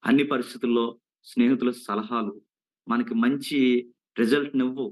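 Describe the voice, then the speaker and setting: A man's voice: medium pitch, steady tone, normal speed, poor audio. A man preaching to young people, telling a cautionary story with earnest repeated warnings and questions to the listeners. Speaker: youth preacher. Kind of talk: sermon storytelling.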